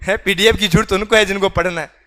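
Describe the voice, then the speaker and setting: A man's voice: high-pitched, steady tone, fast, fairly bright tone. A man teaching a reasoning class in a classroom, teasing and prodding students to answer. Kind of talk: classroom lecture.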